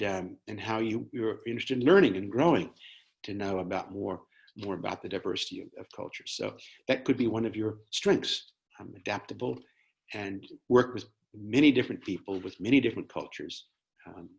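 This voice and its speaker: A man from Zimbabwe with a fairly low, gravelly voice presents a webinar, answering audience questions over a video call. He sounds hesitant, with frequent restarts and fillers.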